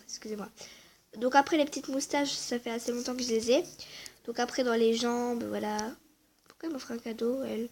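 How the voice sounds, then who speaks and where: A woman casually walking viewers through her game character, chatty and hesitant, muttering asides under her breath. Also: fairly high pitch. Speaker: game vlogger. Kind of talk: casual game walkthrough chat.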